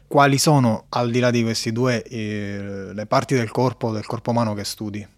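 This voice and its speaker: A man's voice: mid-range voice, fairly even intonation, moderate pace. Guy hosting, asks his questions in an orderly polite way, mid voice. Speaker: host, interviewer. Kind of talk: asking interview questions.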